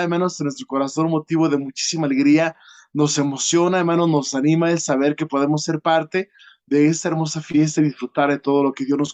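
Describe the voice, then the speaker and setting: A man delivering an earnest church sermon in a slightly raised voice. He turns to the congregation after almost every phrase, with filler sounds and hesitant pauses between his thoughts. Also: on the high side, darkish tone. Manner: peppers nearly every phrase with a direct address to the congregation. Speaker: guest preacher.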